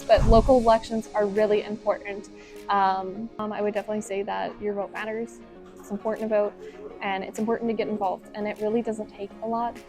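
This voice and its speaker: A young woman answering interview questions in a loose, filler-heavy way. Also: mid-range voice.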